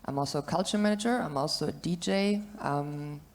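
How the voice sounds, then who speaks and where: A woman introducing herself as a network's managing director on a panel, in a measured, businesslike way. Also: sits low.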